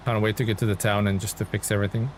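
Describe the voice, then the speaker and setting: A Lithuanian man livestreams a game, chatting casually and thinking aloud in a friendly, informal way. His voice is on the low side with little pitch movement, and he talks at a racing pace. The recording is rough, with truck game sounds and engine noise clearly behind him.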